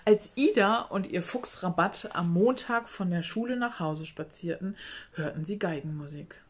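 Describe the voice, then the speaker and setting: A woman calmly reading a children's book aloud. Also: fairly low pitch, moderate pace.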